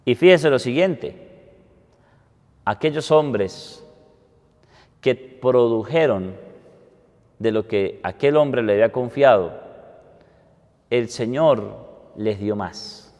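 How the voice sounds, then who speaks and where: A man, a priest giving a homily and prayers at Mass in a solemn, deliberate way, with a cathedral-like echo. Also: mid-range voice, lively intonation, a little mellow. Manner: solemn, deliberate delivery with measured phrases. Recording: cathedral-like echo, long reverb.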